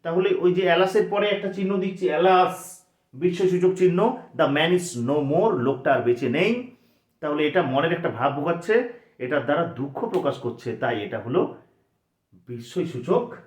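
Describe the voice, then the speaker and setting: Guy teaching grammar for an exam, keeps asking the class questions and answering them, slightly high voice, echoey room. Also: expressive, moderate pace, long pauses. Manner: explains step by step, asks students questions and answers them himself. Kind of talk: exam-prep grammar lesson in Bengali. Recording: echoey, dull lo-fi recording.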